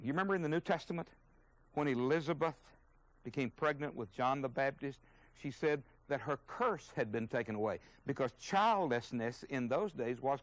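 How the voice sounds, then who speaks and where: A man's voice: fairly high pitch, no room sound, poor audio. A man teaching a sermon as a Bible teacher, earnest and emphatic, openly indignant at his subject.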